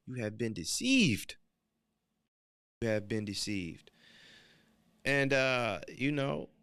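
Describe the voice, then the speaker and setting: A man's voice: lowish voice, a bit bright, smooth, no room sound, clean studio sound. A man hosting his own podcast, speaking a solo monologue in an earnest, preachy, loose way with many fillers, restarts and repeated phrases for emphasis. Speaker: podcast host.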